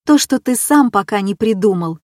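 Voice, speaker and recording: A woman's voice: medium pitch, animated, moderate pace, darkish tone, no room sound, clean studio sound, natural voice. A woman reading an audiobook and voicing a weary, bitter woman who reproaches her lover with probing questions. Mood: accusing.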